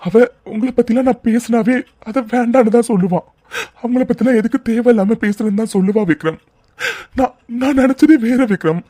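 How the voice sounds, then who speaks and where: In a cartoon, an actor voices an earnest young man who explains himself and apologizes to the family. His voice is warm and mellow. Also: mid-range voice, a little fast, dry recording, close to an everyday voice.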